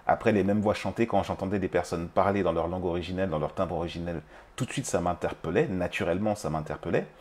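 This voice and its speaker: A man's voice: deep voice, fast talker, a little mellow. A man with a French accent hosting a language-learning video, talking casually to the viewer with many fillers and restarts. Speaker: English-teaching video host. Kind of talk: casual spoken monologue to camera.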